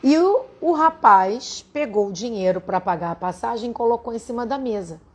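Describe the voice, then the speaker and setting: A woman's voice: fairly high pitch, animated, moderate pace, husky. Earnest Brazilian woman telling a story. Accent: Brazilian Portuguese. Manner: earnest, addresses listeners directly. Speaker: spiritual teacher. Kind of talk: storytelling to an audience.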